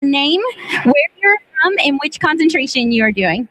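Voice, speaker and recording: A woman's voice: sits high, big pitch swings, normal speed, fairly bright tone, rough recording. A woman emceeing a ceremony, upbeat and giving step-by-step instructions to a group. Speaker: event emcee. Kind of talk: ceremony announcing.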